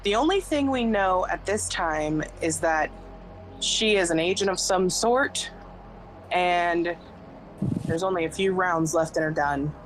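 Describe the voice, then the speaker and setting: A woman playing a tabletop game, calm and matter-of-fact. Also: on the low side, measured pace, soft background music, low-quality recording. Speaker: player. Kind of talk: casual tabletop play.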